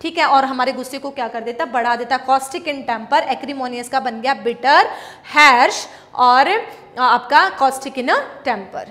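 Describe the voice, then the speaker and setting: High-pitched Indian woman teaching vocabulary. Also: unhurried, sharp tone. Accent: Indian English. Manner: explains patiently, asks and answers her own questions, calls students beta. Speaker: English teacher. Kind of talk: classroom vocabulary lesson.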